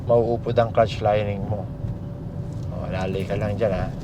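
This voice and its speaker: Man, Filipino accent, driving instructor, short casual commands, muffled audio, loud car engine noise behind. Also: fairly low pitch, steady tone, measured pace. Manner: frequent short commands and tag questions. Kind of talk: hands-on coaching, casual instruction. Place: inside a moving car on the road. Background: engine and vehicle noise.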